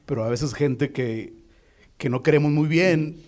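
Hesitant man with a mellow voice. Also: a little high, a little slow. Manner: hesitant, repeats words and clears his throat. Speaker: class member. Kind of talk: comment in a Bible class.

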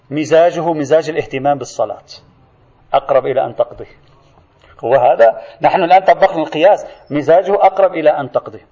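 Fast-talking male jurisprudence lecturer. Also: high-pitched. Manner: rapid, emphatic, addresses students directly. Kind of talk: seminary lecture. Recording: dull lo-fi recording.

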